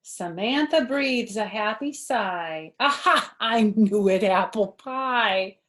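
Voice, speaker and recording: This woman in her fifties speaks at a medium pitch and takes her time as she reads a story to her grandchildren indoors in the living room. Her delivery is expressive, and she breaks off to explain words simply and to put questions to her listeners.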